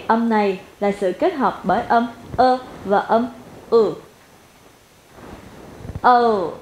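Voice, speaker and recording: A woman with a Vietnamese accent teaching English pronunciation, repeating each word slowly and deliberately for practice. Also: fairly high pitch, darkish tone. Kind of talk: pronunciation lesson. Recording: echoey room with faint noise.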